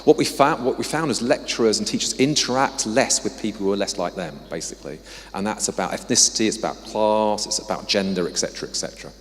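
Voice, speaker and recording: Lowish English man talking in a reverberant hall. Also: fast. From England. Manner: conversational, with apologetic asides. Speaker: guest speaker, social mobility researcher. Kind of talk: conference talk with slides.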